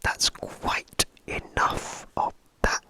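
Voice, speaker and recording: A reader voicing a calm, commanding father fox in an ASMR storybook, whispering close into the ear. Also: extremely slow. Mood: firm.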